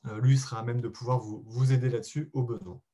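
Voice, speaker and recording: Mellow-voiced man hosting a webinar. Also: medium pitch, steady tone, fast talker. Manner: explains patiently, with frequent hesitations; addresses listeners directly and politely. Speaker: SEO webinar presenter. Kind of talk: live webinar presentation.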